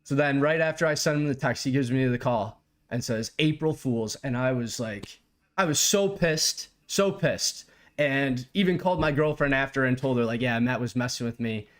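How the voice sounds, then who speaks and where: A young man co-hosting a sports podcast, telling a long story in an animated, exasperated way. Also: medium pitch, brisk, hardly any pauses. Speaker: podcast co-host.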